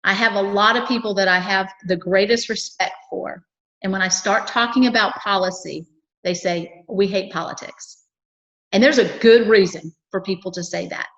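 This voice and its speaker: A woman's voice: medium pitch, a bit bright, dull audio. A woman from a chamber of commerce, talking earnestly and cheerfully in a local cable TV interview, with lots of fillers and restarts.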